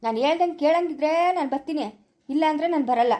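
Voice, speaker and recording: A woman's voice: high-pitched, fast, warm tone, natural voice. A woman playing a stubborn young male farmer and father in a rural family drama. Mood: defiant.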